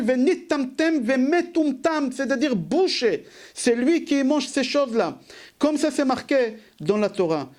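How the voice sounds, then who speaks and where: A male rabbi with an extremely high-pitched voice gives a sermon, asking rhetorical questions, answering them himself and repeating key phrases for emphasis.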